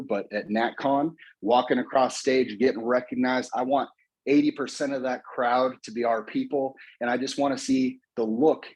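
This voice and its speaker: An American man delivering a rallying motivational talk, his voice husky and a little breathy. He pushes his listeners with energetic, repetitive coaching, circling back to the same points again and again. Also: medium pitch, rough recording. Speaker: motivational speaker.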